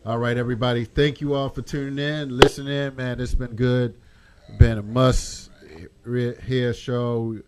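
A man's voice: mid-range voice, little pitch movement, a little slow, heavy background noise. A middle-aged man hosting a radio show, talking casually and informally into a studio microphone in a small studio. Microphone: studio mic on boom arm.

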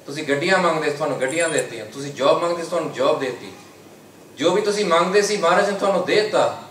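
Man, Sikh preacher, exhorting lecture, raised pitch, distant mic, echoey room, faint hiss. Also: animated, very fast, a bit bright. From United Kingdom. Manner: exhorting, repeats slogans in English between Punjabi. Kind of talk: religious lecture to a congregation.

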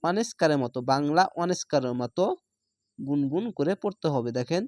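A Quran reading teacher giving a slow, patient lesson, spelling out syllables one by one and then blending them into words. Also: mid-range voice, expressive, darkish tone, no echo, clean studio sound. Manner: patient, repeats words slowly for learners.

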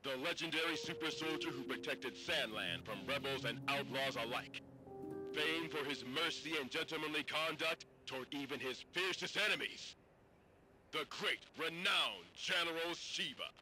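An actor playing a formal radio news announcer, reading bulletins in a measured, dramatic way. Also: male voice, on the high side, natural voice, poor audio. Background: music.

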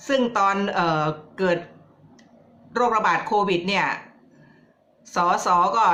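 A woman's voice: mid-range voice, fairly bright tone. A woman vlogger giving casual political commentary, chatty and teasing as she addresses her viewers directly.

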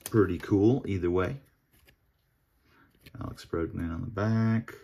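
A card collector opens packs at his home table, where his collection is on display, and murmurs the players' names one at a time. His voice is low, gravelly and a bit rough, and he talks slowly in a relaxed, casual way.

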